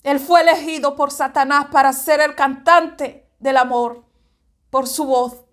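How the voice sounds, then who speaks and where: A woman's voice: sits high, fairly even intonation, measured pace, fairly bright tone. A woman giving a fervent religious reflection, often repeating herself and speaking straight to the listener. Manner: fervent, repetitive, addresses the listener directly. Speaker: evangelical preacher.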